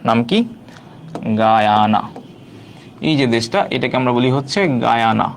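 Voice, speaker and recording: A man's voice: mid-range voice, expressive, measured pace, a little hiss or hum. A man teaching an online quiz class, repeating each question and prompting viewers to answer.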